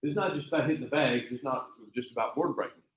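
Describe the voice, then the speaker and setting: Speaking fast in a mid-range voice, a man teaching taekwondo gives his class an emphatic, repetitive pep talk that wanders through long stories. The recording has a dull, echoey lo-fi room sound.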